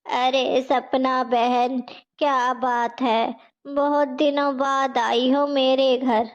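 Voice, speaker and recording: A sharp-tongued, strict mother-in-law from a storybook, put on by a woman narrator. The voice sits high and the words come slowly, on a dull lo-fi recording. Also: level tone. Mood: friendly. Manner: sharp, scolding. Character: strict scolding middle-aged mother-in-law.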